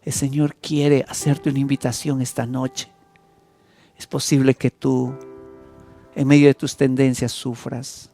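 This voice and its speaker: A man with a Peruvian accent preaching an evangelistic sermon as a pastor, telling the story with dramatic swings between loud and soft. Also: flat delivery, a little slow, faint music behind. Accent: Peruvian Spanish. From Peru. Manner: emotive, dramatic storytelling with wide swings in pitch and loudness.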